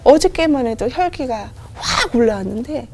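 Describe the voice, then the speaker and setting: High-voiced woman telling an animated testimony. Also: moderate pace. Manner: animated, acts out remembered dialogue. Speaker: guest singer giving a testimony. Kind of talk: emotional testimony storytelling. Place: TV talk show studio.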